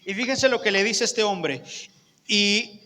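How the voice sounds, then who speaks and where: A man's voice: high-pitched, slow pace, bright, forceful tone. A man preaching a sermon with a Mexican accent, conversational, often putting questions to the congregation, with long church hall reverb. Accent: Mexican Spanish.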